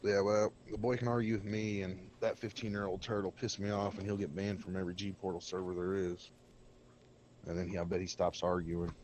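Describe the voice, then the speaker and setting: The voice is deep, flat and darkish, fairly quick, with slight hiss or hum. He's a game server co-host rambling bluntly during casual stream chat, speaking around a cigarette into a desk microphone by his keyboard.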